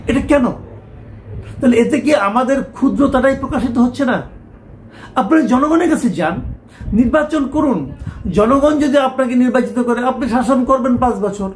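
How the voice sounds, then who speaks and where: A man's voice: very high-pitched, normal speed, pauses often, a little hiss or hum. A middle-aged man, giving a talk show political commentary with emphatic rhetorical questions.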